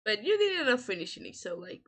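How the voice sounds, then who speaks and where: Upbeat woman host of a casual live podcast, quick to laugh and cheer her guest on. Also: mid-range voice, sing-song, fairly bright tone. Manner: enthusiastic, laughs often, encouraging. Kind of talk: casual livestream podcast interview.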